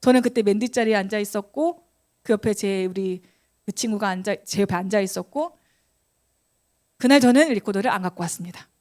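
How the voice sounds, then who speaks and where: A woman pastor preaching at a youth retreat, telling a childhood story in a lively, animated way and acting out the voices of the people in it. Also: medium pitch, a little fast, pauses often.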